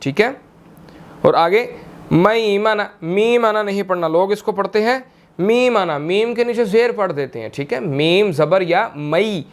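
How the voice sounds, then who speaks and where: A young man with a Pakistani Urdu accent teaches Quran recitation, patiently explaining and repeating words slowly to model their pronunciation, with slow melodic recitation between explanations. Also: sits high, animated. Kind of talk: tajweed lesson, explaining and demonstrating.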